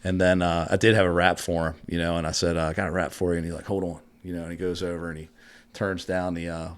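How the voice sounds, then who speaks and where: A middle-aged man from Maryland telling a story in casual chat. He talks in an animated way, laughs often and says "you know" a lot. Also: sits low, fast talker. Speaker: podcast guest.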